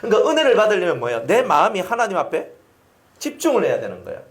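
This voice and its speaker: Gyeongsang pastor preaching, fairly high voice, bouncy, asks the congregation stuff, echoey hall. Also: male voice, fast. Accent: Gyeongsang Korean. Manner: animated storytelling with sound effects and questions to the congregation. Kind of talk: sermon. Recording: roomy echoing hall.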